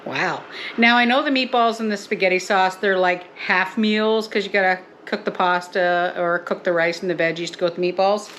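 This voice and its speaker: A chatty Canadian homestead vlogger giggles and talks to her viewers as she cooks, with faint kitchen sounds behind her in this casual cooking vlog. Her voice sits on the low side and is fairly bright, she speaks at a normal pace with hardly any pauses, and there's a little hiss or hum.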